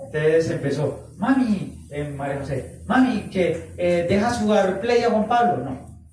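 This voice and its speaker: A man preaching a sermon, animated, acting out quoted voices and drawing out phrases for emphasis. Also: high-pitched, measured pace, slight background noise. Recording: echoey room, voice from far off the mic.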